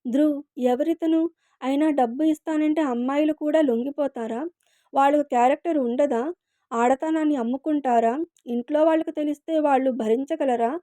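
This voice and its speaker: A woman's voice: high-pitched, normal speed, dark tone, no echo, natural voice. A woman voicing a young woman's worried inner thoughts in a read-aloud story. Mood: troubled. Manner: wondering, troubled inner questions. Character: young woman worrying to herself.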